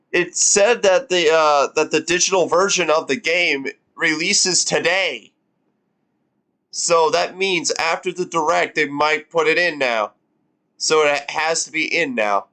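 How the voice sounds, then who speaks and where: A man in his twenties reacts casually on a live stream, rambling with lots of fillers and the occasional swear word. His voice is fairly high-pitched with a sharp tone.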